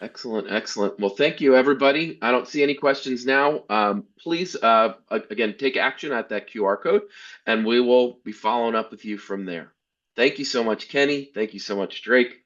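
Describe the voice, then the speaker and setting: A man's voice: medium pitch, normal speed, fairly bright tone. An earnest man presents a webinar over a video call, tripping over his words and restarting often. His voice sits mid-range, and the sound is dull and lo-fi. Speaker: workshop presenter.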